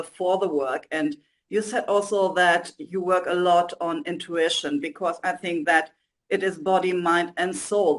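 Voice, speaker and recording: High-voiced man hosting a podcast. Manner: casual, filler-heavy questions. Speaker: podcast host. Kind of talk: podcast interview.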